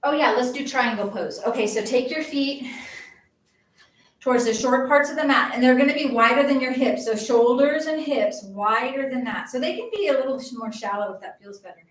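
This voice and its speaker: A woman's voice: high-pitched, brisk, far from the mic. A middle-aged woman leading a live movement class as a yoga instructor, encouraging and chatty as she coaches each pose, a little out of breath. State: slightly out of breath. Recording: echoey room, voice from off-mic.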